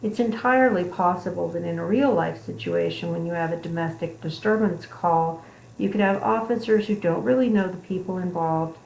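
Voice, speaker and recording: Gravelly-voiced woman psychology instructor. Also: on the low side, moderate pace, darkish tone. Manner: explanatory, with frequent fillers and restarts. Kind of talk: recorded online lecture. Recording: echoey room with faint noise.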